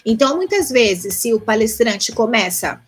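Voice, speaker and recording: A woman's voice: fairly high pitch, big pitch swings, normal speed, breathy edge. A woman with a Brazilian Portuguese accent, a conference interpreter chatting casually as an interview guest, rambling through lists and restarts.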